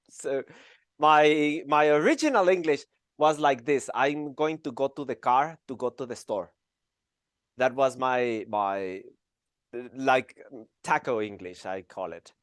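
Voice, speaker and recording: A Spanish-speaking animation instructor from Mexico, with a Mexican accent, teaches a live online animation class. His voice is mid-range and slow, and he keeps it chatty with plenty of fillers and laughter. The recording is dry and studio quality.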